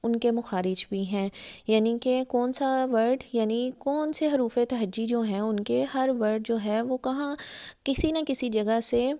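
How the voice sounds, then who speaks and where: A woman's voice: a little high, measured pace, warm tone. A woman with a Pakistani Urdu accent teaching Quran recitation, patiently repeating and spelling out letters one by one. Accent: Urdu-speaking Pakistani. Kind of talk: explanatory religious lesson.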